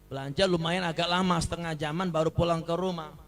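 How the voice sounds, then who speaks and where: A male Islamic preacher giving a sermon at a village celebration. He tells stories and delivers emphatic warnings that swing between loud exhortation and hushed asides. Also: on the high side, level tone, fast talker.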